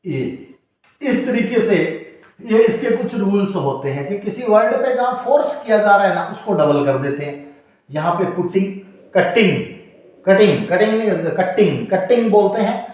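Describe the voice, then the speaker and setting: A man's voice: sits high, lively intonation, normal speed. A man teaching a lesson, explaining step by step and spelling out example words. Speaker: English teacher. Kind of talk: spoken classroom-style lesson. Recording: very echoey room.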